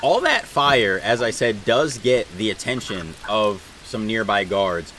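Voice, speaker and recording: Low-voiced man running a tabletop game. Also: animated, unhurried, a bit bright, a little hiss or hum, poor audio. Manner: casual, rambling, many fillers. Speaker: dungeon master. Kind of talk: narrating a tabletop game livestream.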